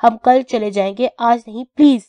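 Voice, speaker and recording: Woman playing a scared childish young girl, whiny and pleady, highish mellow voice. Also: fairly even intonation, no room sound, close to an everyday voice. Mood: sulky. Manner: whiny, pleading, raised and pitched up. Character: brave but childish young woman, terrified of flying. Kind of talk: audio novel character voicing.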